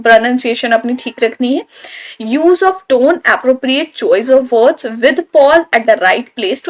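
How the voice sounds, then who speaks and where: A woman teaching a commerce lecture, reading English lines slowly and explaining them in Hindi. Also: sits high. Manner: often ends phrases with "theek hai".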